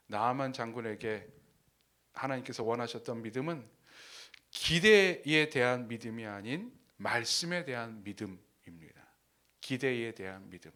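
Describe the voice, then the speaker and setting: A man preaching a sermon as pastor. He drops to hushed whispers, then rises to loud, emphatic lines, and acts out the people he quotes. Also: medium pitch. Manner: acts out quoted speakers in his own voice. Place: church.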